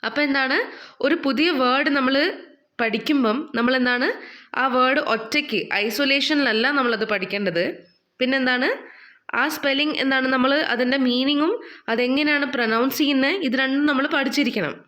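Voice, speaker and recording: A woman's voice: high voice, bright, forceful tone, dull audio. A woman teaching an English vocabulary lesson with a Malayali accent, explaining in Malayalam and English and asking and answering her own questions. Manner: slow, careful reading of English passages. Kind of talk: recorded online English lesson.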